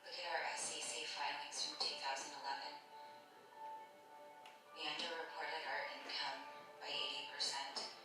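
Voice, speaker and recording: An actress playing a woman insurance executive confessing her wrongdoing, speaking in a flat, measured way, heard as film audio played through a laptop speaker held up to a microphone. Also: low voice. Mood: grave. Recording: echoey distant speaker playback with music.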